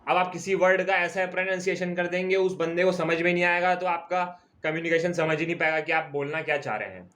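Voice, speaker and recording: A man teaching a commerce lecture at a board, explaining terms step by step and stretching key words out slowly. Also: high-pitched, fairly even intonation, a bit bright. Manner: repeats key terms slowly, checks in with "ठीक है". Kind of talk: classroom lecture.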